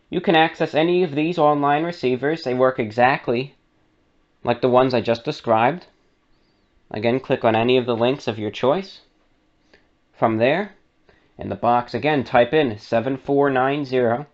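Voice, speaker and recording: The recording sounds muffled. A mid-range male voice belongs to a radio host casually walking listeners through an explanatory how-to, one instruction at a time, with asides along the way.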